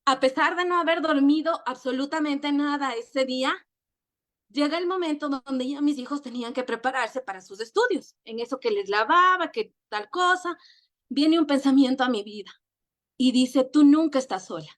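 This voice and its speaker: Middle-aged Ecuadorian woman, high voice, earnest personal testimony with halting repeats. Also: fairly bright tone. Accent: Ecuadorian Spanish. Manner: emotional and earnest, halting with many repeated words. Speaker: network marketing leader.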